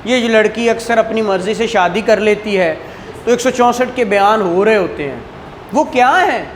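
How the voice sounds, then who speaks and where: This lecturer, a woman with a Pakistani accent, explains law to her students using both Urdu and English legal terms, often confirming their understanding with quick tag questions. Her mid-range voice has lively intonation at a normal speed, recorded in a clearly noisy room.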